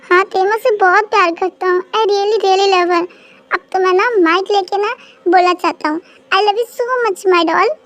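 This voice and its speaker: A lovestruck young male professor who gushes and coaxes, as a high-voiced reader puts him on. The voice stays very high, with little attempt to sound deep. This is a homemade fan-dub drama. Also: fairly even intonation, unhurried, a bit bright. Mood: gushing. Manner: gushing, affectionate.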